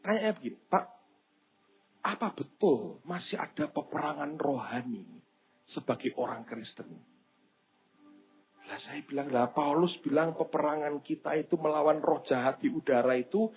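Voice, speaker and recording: Addressing his listeners as "saudara," a male pastor tells a story in his sermon with a touch, acting out those he quotes. His voice is husky and on the high side, and the recording has a tinny, phone-like quality.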